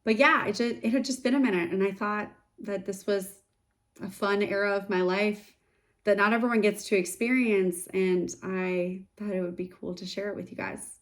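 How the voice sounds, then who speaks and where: A woman's voice: medium pitch, fairly even intonation, moderate pace. A woman in her thirties, a startup founder, talking openly and reflectively in a casual to-camera vlog. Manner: open, reflective, chatty. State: sick, congested voice.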